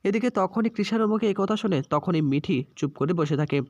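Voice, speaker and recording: Male recap narrator, high voice, dull dry lo-fi recording, steady storytelling. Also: fairly quick, no room sound. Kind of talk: serial episode recap narration.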